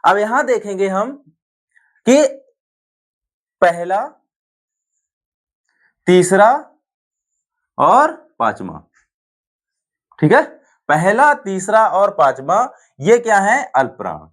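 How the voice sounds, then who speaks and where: A man's voice: high-pitched, big pitch swings, extremely slow, pauses often. A male teacher giving a grammar lesson, often asking a question and then answering it himself. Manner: repetitive, asks and answers his own questions.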